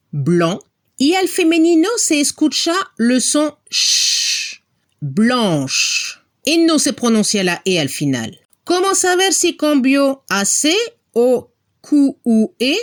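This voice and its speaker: A woman giving a slow, scripted language lesson, spelling out letters and modeling each word's pronunciation. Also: fairly high pitch. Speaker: language teacher.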